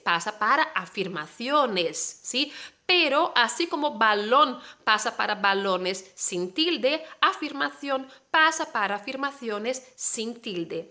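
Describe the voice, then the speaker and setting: A woman teaches grammar at a deliberately slow pace, her voice bright and a little high. She explains each rule patiently, spells words out letter by letter and keeps asking the class whether they follow. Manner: checks in with rising "¿sí?" tags. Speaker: Spanish teacher. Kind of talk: online language lesson.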